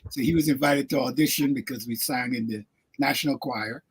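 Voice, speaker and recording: An older Guyanese actor, a guest on a radio talk show, reflectively tells stories with frequent laughs and fillers. His mid-range voice is brisk with a breathy edge.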